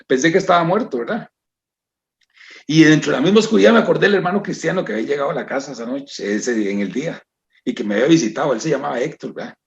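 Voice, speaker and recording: Costa rican guy telling his testimony at church, emotional, keeps saying hermanos, raspy low fry, muffled recording. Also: expressive, quick pace. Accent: Costa Rican Spanish. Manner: emotional, repeats "hermanos" and "¿verdad?". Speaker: church member giving testimony. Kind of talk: personal testimony to a congregation.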